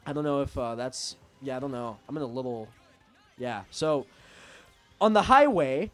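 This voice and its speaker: A man's voice: mid-range voice, lively intonation, moderate pace, fairly bright tone, faint music behind. A young man from Texas telling a rambling, profane storytime rant. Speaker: vlogger.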